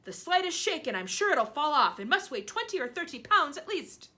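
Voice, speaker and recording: Woman doing a spiteful storybook aunt: sharp, shrieking, bossy and sly. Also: lowish voice, expressive, moderate pace. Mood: shrieking alarm. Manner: snapping, shrieking, scolding.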